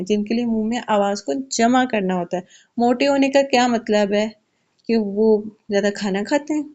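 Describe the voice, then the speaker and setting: A woman's voice: on the high side, a little mellow, dull audio. A woman teaching children Quran recitation, explaining each rule patiently and asking questions she then answers herself. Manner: slows to recite verses carefully. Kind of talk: Quran tajweed lesson for kids.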